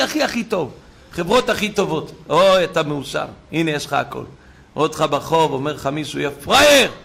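Male preacher, fiery sermon delivery, high and gravelly, big dynamic swings. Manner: fiery, swings from shouting to hushed storytelling.

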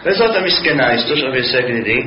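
A man's voice: medium pitch, background noise. Man telling stories in a roomy hall. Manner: animated storyteller with dry asides. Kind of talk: storytelling lesson. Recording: roomy, somewhat dull recording.

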